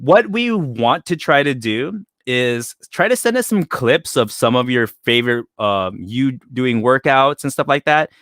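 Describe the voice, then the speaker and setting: A man's voice: mid-range voice, expressive, unhurried, hardly any pauses, fairly bright tone, no room sound, studio quality. A young man co-hosting a casual podcast, joking and rambling with fillers and restarts. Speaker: podcast co-host. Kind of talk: casual chat.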